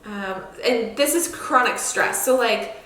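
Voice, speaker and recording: A woman's voice: a little high, takes it slowly, fairly bright tone. A woman vlogger chatting casually and directly to her viewers, recorded indoors with a hallway-like echo. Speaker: wellness vlogger. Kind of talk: casual chat to camera. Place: indoors, newly moved-into echoey apartment. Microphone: wireless earbud microphone. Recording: echoey empty-apartment room, hallway-like echo.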